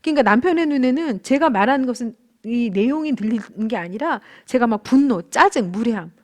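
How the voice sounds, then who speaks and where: A woman's voice: fairly high pitch, brisk. A woman in her thirties teaching a church marriage class, telling candid personal stories in an earnest, conversational way. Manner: earnest, candid storytelling with animated quoted outbursts.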